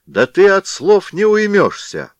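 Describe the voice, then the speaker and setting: A man voicing a burly, hot-tempered young male blacksmith who barks gruff commands. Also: high voice, wildly swooping pitch, a little slow, no echo, pitched above the performer's own voice, heavily acted. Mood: angry shouting.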